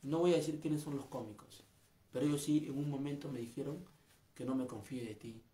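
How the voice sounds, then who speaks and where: A man's voice: medium pitch, steady tone, fairly quick, warm tone, reverberant. A man, a street comedian, making an earnest, aggrieved personal statement, repeating his points. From Peru.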